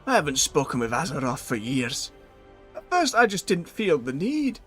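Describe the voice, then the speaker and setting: A streamer reads aloud as a bitter, weary dwarf king in a fantasy game. His reading swoops up and down with a lively, expressive pitch. Faint game music plays beneath. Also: normal speed. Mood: weary, resolute.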